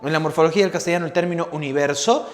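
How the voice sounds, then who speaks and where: A man's voice: fairly high pitch, very fast. A man teaching a lecture-style class, repeating key phrases and checking in with his listeners. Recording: echoey room with long reverb.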